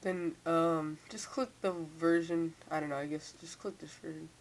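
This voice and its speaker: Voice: mid-range voice, steady tone, moderate pace. A teenager giving a casual computer tutorial, stumbling and repeating words, with speech slightly hampered by a mouth sore from tightened braces. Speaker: software tutorial maker. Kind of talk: casual unscripted screen tutorial. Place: indoors at a computer. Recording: hissy, noisy home microphone.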